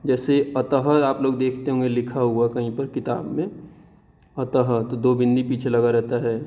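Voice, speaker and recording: A man teaching young children the Hindi vowels and their signs, saying each sound slowly and repeating it. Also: mid-range voice, level tone, mellow, in a large hall. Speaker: primary school teacher. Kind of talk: classroom lesson on Hindi vowels.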